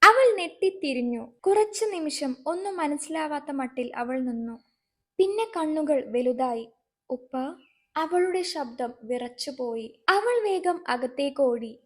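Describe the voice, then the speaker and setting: High-voiced woman narrating a story. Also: expressive, unhurried, a bit bright.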